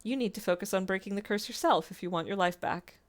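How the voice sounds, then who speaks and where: A woman's voice: mid-range voice, fast talker, natural voice. A woman voicing a smug, snide witch who teases and taunts in a mocking way, in a story game. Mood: snide lecturing.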